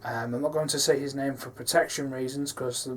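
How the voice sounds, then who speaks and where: A man's voice: mid-range voice, fairly even intonation, fairly quick. A man talking casually about his films, rambling and hesitant, with many fillers. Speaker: filmmaker. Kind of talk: casual behind-the-scenes talk.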